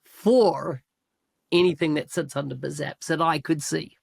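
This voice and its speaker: A man's voice: on the high side, steady tone, unhurried, creaky, slightly rough, dry recording. A man on a podcast giving matter-of-fact observations in casual chat.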